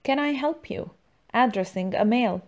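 A woman's voice: on the high side, normal speed. A woman hosting a scripted language lesson, enunciating words and phrases in an instructional way. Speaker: language teacher, channel host.

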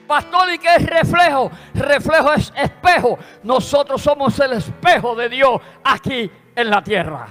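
High, bright-voiced Puerto Rican preacher. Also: male voice, lively intonation, unhurried, hardly any pauses. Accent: Puerto Rican Spanish. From Puerto Rico. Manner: fervent, rising to shouted praise. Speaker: pastor. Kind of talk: preaching a sermon. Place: church sanctuary. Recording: long church reverb with instrumental music.

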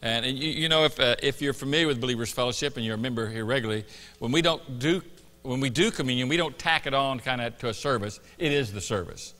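A man's voice: mid-range voice, quick pace, sharp tone. A middle-aged man giving a conversational church sermon as a pastor. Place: church sanctuary stage. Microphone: lapel. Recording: long hall reverb.

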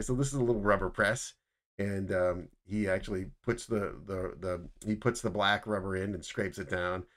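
Middle-aged man, deep voice, casual instructor narrating slides over a webcam. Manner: casual, explanatory, many restarts. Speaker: footwear design instructor.

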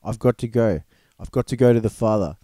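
A man voicing a calm male teacher risen from the dead, speaking with gentle, plain-spoken authority. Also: lowish voice, a little fast, no echo, natural voice. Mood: reassuring.

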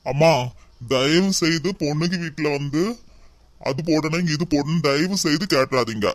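A man's voice: a little high, normal speed, no echo, natural voice. A young cartoon groom pleads sincerely in a slightly raised male voice, as a man acts him out. He sounds earnest and is recorded dry and close.

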